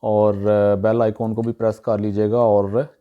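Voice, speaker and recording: A man giving a casual spoken pronunciation lesson, working through words one by one, saying each one twice, with frequent "uh" pauses. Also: lowish voice, little pitch movement. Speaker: channel host teaching English pronunciation. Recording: dull, muffled lo-fi sound.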